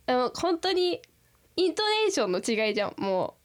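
A young woman chats in a casual group podcast, speaking earnestly and expressively. Her voice sits high and her intonation jumps around. She laughs easily. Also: big pitch swings, moderate pace. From Saitama. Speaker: podcast co-host.

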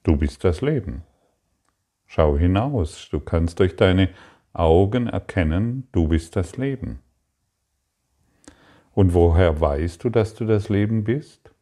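A man giving a spoken spiritual lesson, calm and repetitive, addressing the listener directly. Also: low-pitched, slow. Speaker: spiritual teacher.

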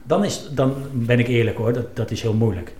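A man's voice: medium pitch, moderate pace, darkish tone. Hesitant, reflective man in a roomy space. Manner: thoughtful, hesitant, full of fillers and self-questions. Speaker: former football club executive, guest. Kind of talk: reflective conversation. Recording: roomy with faint ambience.

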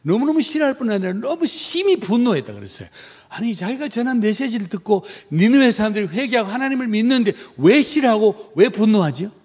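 A man's voice: sits high, very animated, fast, husky. A middle-aged man who is a missionary, preaching a sermon emphatically and asking the congregation rhetorical questions.

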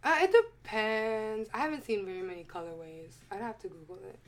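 A woman's voice: mid-range voice, fairly quick. A young woman talking casually as a podcast guest, opinionated and emphatic, laughing often. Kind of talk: casual chat.

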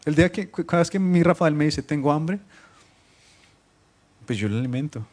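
A man preaching a Spanish-language sermon to his congregation, switching between loud, emphatic scripture reading and quiet, joking asides. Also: on the high side, expressive, quick pace. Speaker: pastor. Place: church meeting room, streamed live.

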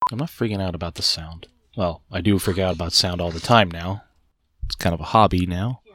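A man's voice: sits low, moderate pace, a bit bright. A man running a tabletop game as game master, narrating scenes and laughing easily.

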